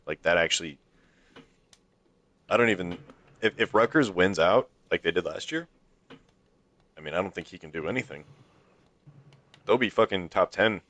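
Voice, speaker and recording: A man's voice: low-pitched, normal speed, pauses often, fairly bright tone. A young man in casual gaming chat over a headset, needling his friends with profane trash talk. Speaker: online league player.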